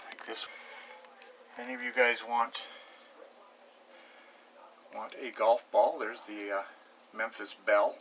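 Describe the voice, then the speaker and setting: An older man rambling casually, with many pauses and restarts, into a webcam at close range in a small room at home. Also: lowish voice, background noise. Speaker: hobby carver and channel host. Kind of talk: casual home video show-and-tell. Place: small room at home with shelves of model trucks. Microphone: webcam close to the face.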